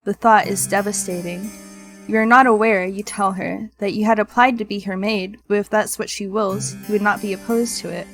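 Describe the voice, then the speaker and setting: A woman's voice: mid-range voice, fairly even intonation, normal speed, soft background music. A woman streamer reading a visual novel aloud in literary narration, with playful casual asides.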